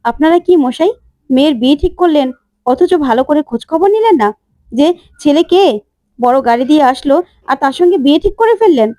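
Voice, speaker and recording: A woman's voice: sits high, animated, fast, dark tone, no echo. A woman doing an angry, proud father. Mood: reproachful. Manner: angry, lecturing. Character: proud, hot-tempered father of the groom.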